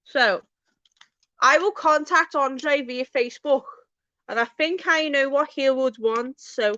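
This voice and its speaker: A Liverpool woman hosting her channel chats casually with viewers, calling them by name and swearing freely in an informal livestream. Her voice is high-pitched, slow, pushed and bright, and the audio is dull with no echo.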